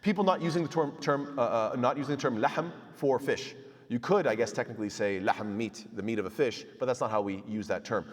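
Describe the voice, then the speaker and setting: A man gives a conversational lesson on Islamic law, dropping in Arabic terms and playing out quick everyday exchanges with a joking touch. His voice sits at an ordinary middle pitch for a man. The sound carries a long reverb, as if recorded in a large hall. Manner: conversational, joking asides, acts out little dialogues. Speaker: Islamic studies teacher. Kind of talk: casual classroom lecture. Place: mosque hall.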